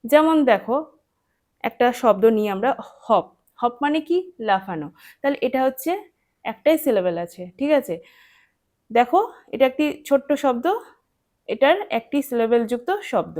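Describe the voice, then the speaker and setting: A woman teaching a children's English lesson, patient and clear, asking questions and answering them herself and spelling words out letter by letter. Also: on the high side, darkish tone. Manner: patient, asks and answers her own questions.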